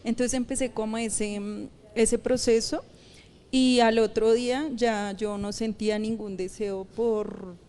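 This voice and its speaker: A woman's voice: on the high side, fairly even intonation, measured pace, warm tone, a little hiss or hum. A woman pastor, telling her personal story in an interview and laughing often. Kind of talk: personal testimony in a podcast interview.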